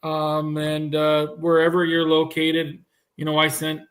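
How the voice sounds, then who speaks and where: A man's voice: fairly high pitch, completely flat delivery, unhurried, a bit bright. A man in his thirties from Canada, a cattle breeder chatting casually on a podcast, rambling a little with restarts. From Manitoba, Canada. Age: 30s. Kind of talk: casual chat.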